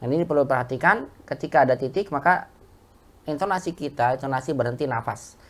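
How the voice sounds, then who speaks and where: A woman with an Indonesian accent and a very deep voice teaches an Arabic class. She corrects students patiently and repeats phrases slowly to model them. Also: animated.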